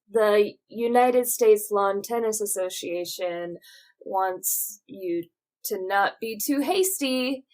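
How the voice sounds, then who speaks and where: Slow-talking woman narrating a plot. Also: medium pitch. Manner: unhurried, narrates plot step by step. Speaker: podcast co-host. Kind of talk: casual chat.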